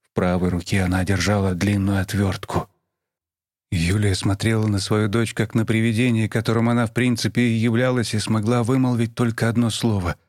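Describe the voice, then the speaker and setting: A man reading a novel aloud as the narrator, at a measured, even pace and close to the microphone. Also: on the low side, dry recording. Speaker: audiobook narrator. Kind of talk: scripted narration.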